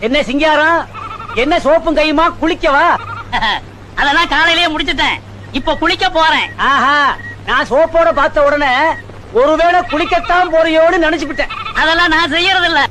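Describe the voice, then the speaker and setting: Man, very high voice, teasing banter, noisy track. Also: normal speed, pushed and bright. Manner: teasing back-and-forth banter. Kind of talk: comic village dialogue. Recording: noisy recording.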